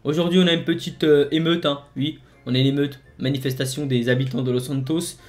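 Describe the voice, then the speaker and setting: Guy narrating his game, hyped up, yelling orders at his squad for laughs, a bit high-pitched. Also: fairly quick. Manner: excitable, shouting commands, joking. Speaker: gaming video host. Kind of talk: playful game commentary with role-play commands.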